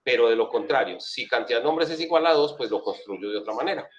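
A man's voice: mid-range voice, animated, fast, highs cut off. Man, Colombian accent, programming teacher, casual and slangy, keeps asking if students follow. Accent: Colombian Spanish. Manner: chatty, slangy, asks "right?" often. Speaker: programming instructor. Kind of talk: casual screen-share coding lesson.

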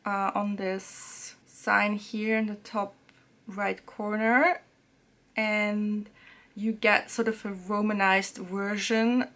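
Sitting in a small room at home, a young adult YouTuber from Serbia chats casually through her review of a language app, using lots of little fillers. Her voice sits in the mid range and her delivery is slow.

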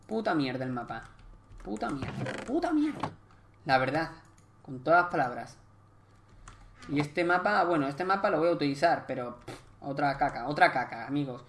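A young gaming YouTuber with a Spain Spanish accent commentates his gameplay live in a fairly high voice, chatty and excitable, swearing and joking in slang.

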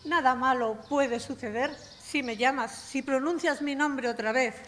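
A woman's voice: high-pitched, measured pace, fairly bright tone. A woman, a poet, reciting her short poem with a rap-like rhythm. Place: municipal auditorium. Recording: reverberant hall with faint noise.

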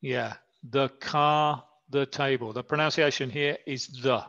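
A man whose first language is English, teaching an English grammar lesson in Spanish, slowly and carefully repeating example words for his student. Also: mid-range voice, fairly even intonation, vocal fry, fairly bright tone. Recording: slightly dull lo-fi sound.

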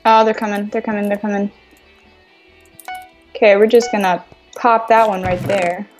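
A woman hosting casual gaming chat, giggly and excitable as she reacts to the play. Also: mid-range voice, normal speed, soft background music. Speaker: gaming channel host.

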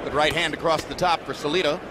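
High-voiced male boxing commentator. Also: steady tone, fast. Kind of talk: live sports commentary. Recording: loud arena noise behind voice.

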